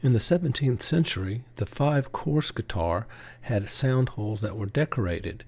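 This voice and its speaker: An older man with a husky, medium-pitched voice hosts a woodworking channel. He calmly explains some history, then moves to his workshop bench to demonstrate, never hurrying.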